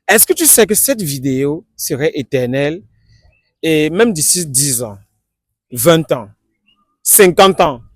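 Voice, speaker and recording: A male interviewer on the street, fairly high for a man, who stumbles and restarts as he searches for words. His voice is dry and close, with no echo. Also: lively intonation. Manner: halting, hesitant, restarts often. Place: outdoors on the street.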